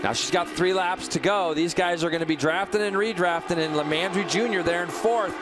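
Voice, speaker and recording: High male motorsport commentator over music. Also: a little fast. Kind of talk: live race analysis and commentary.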